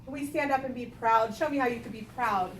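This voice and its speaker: Her pitch fairly high and her tone fairly bright, this teacher moves quickly as she reads to a group of young kids, breaking off to explain and quiz them. The recording comes from a distant mic in an echoey room with background noise.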